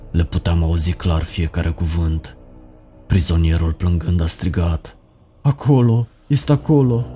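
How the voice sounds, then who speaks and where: Deep, flat male horror narrator. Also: slight background noise.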